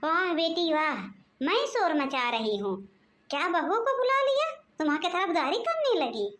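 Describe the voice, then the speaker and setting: A woman voicing a domineering, arrogant older mother-in-law in a cartoon, shouting and taunting her daughters-in-law. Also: very high-pitched, very animated, unhurried, heavily acted. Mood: scolding. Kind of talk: cartoon voice acting.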